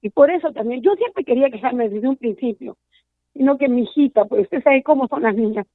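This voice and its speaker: A woman's voice: high-pitched, expressive, a little fast. A middle-aged woman, calling in to a radio show to complain, indignant and pleading as she tells her story. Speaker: caller. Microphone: phone. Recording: tinny phone line on radio.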